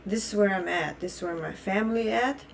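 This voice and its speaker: A young adult Russian woman, a native Russian speaker, vlogs an opinion rant that is blunt, heated, and heavy on swearing, with repeated restarts in her phrasing. Her mid-range voice runs a little fast with vocal fry, over slight background noise.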